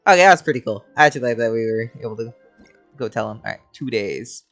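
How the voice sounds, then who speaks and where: A female game streamer with an extremely low-pitched voice reacts aloud, fast and animated, while playing a video game. Her commentary is informal and sweary, with game music behind her.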